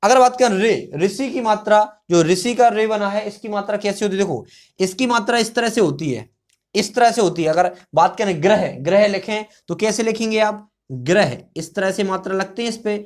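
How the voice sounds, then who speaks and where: A Hindi teacher giving a classroom-style grammar lesson at a board, talking patiently, repeating words, and answering their own questions. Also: mid-range voice. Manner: fills pauses with a checking "okay".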